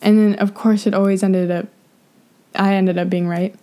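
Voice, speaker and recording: A woman's voice: medium pitch, flat delivery, normal speed, warm tone. A young woman hosting an advice podcast, talking frankly and rambling with lots of fillers and swearing. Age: young adult. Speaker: podcast host. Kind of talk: casual advice monologue.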